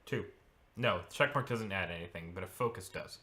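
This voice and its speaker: Very deep-voiced male game master. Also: moderate pace. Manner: relaxed, stops to check the rules. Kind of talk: narrating a tabletop game.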